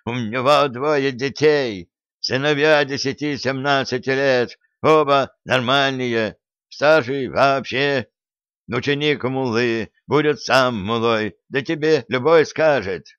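A man voicing a stubborn old villager who shouts indignantly, in an audiobook reading. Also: medium pitch, takes it slowly, clear, resonant tone, no room sound, highs cut off, pitched above the performer's own voice.

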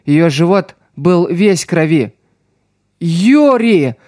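A man narrating an audiobook in a measured, dramatic way. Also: on the high side, expressive, a little mellow, dry recording, clean studio sound. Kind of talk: audiobook reading.

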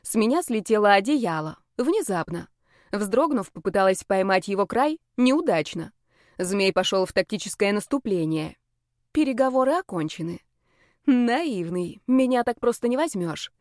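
A woman narrating a first-person audiobook in a lively, wry, expressive way. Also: medium pitch, moderate pace, dry recording, studio quality. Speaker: audiobook reader.

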